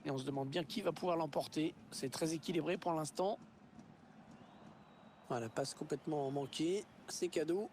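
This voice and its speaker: A man's voice: a little high, normal speed, pauses often, a little mellow, natural voice. A man playing a keen football match commentator in a sports video game. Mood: measured. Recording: game audio with faint background noise.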